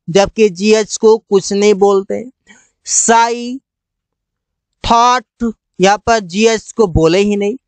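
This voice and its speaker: Slow, clear Hindi-speaking English teacher. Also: medium pitch, no echo. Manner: slow, repeats each rule and word. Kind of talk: explaining pronunciation rules.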